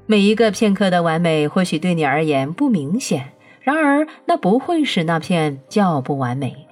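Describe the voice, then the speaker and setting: A woman gives voice to a patient, all-knowing divine speaker who explains calmly and presses each point home, in a lowish register. Faint music runs beneath the audiobook reading. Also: moderate pace. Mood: serene.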